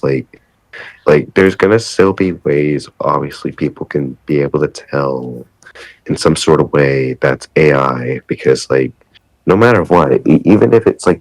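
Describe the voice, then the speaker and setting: A man talking as a podcast guest, hesitant and halting, laughing often. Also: a bass voice, no echo, low-quality recording. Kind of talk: casual podcast chat.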